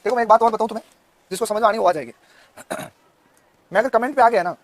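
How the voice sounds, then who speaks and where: A man in his thirties with a Rajasthani Hindi accent, teaching an online exam-prep Hindi class and firing quick questions at his students. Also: high voice, no room sound. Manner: drilling students with quick questions, loud and insistent.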